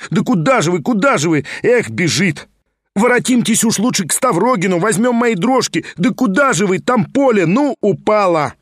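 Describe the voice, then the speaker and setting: Guy putting on a high, fast-talking schemer, young and fussy, wheedling nonstop, storybook reading, dry sound. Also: animated, no room sound. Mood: flustered. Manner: rapid, high, pleading patter. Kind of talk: audiobook character reading.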